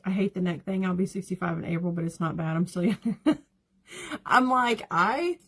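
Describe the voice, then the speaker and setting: A woman's voice: on the low side, animated, a little fast, breathy edge. A woman, chatting casually and rambling as she does her makeup on a livestream, laughing often and answering viewers. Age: 30s. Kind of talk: casual livestream chat while doing makeup.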